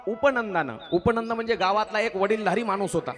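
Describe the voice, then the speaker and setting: A man's voice: high-pitched, fairly quick, faint music behind. A male devotional preacher telling a sacred story in a sermon, questioning his listeners and sometimes breaking into song. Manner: exhorting, questions the audience and answers.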